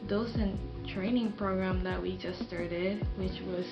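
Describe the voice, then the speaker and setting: A woman's voice: mid-range voice, fairly even intonation, creaky, muffled recording, loud music behind the voice. A young woman from Japan with a Japanese accent, co-hosting a casual podcast in a careful, friendly way. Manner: slow, careful, friendly, laughs often. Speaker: podcast co-host, visitor services coordinator. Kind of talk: casual chat.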